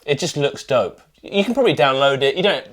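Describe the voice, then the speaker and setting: A man's voice: a little high, lively intonation, brisk. A man presenting in casual chat, laid-back and agreeable, using slang.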